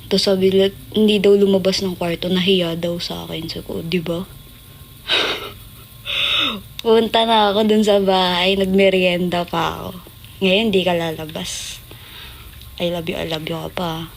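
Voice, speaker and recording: A woman's voice: fairly low pitch, fairly even intonation, measured pace, creaky, pauses often, slight background noise. A young woman telling stories on a casual livestream, laughing often and acting out quoted lines in a raised voice. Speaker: idol group member on a livestream.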